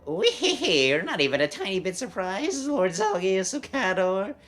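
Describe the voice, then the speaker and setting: A woman's voice: mid-range voice, big pitch swings, unhurried, faint music behind. A woman voicing a haughty, menacing male senator with pompous, drawling condescension in a game script. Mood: smug.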